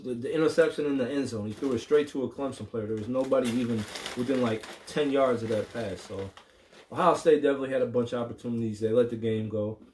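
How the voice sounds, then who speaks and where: A man's voice: medium pitch, fast, darkish tone, slight background noise. A man hosting a casual sports talk show, speaking frankly with plenty of ums and the odd curse. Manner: frank, hesitant with many ums, mildly profane.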